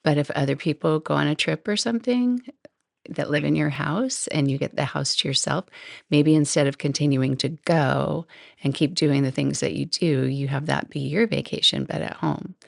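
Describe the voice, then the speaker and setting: Groggy woman with a low gravelly voice. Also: normal speed, dry recording, studio quality. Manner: loose and unprepared, with laughs and restarts. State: groggy, just woken up. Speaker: podcast host. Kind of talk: casual solo podcast talk.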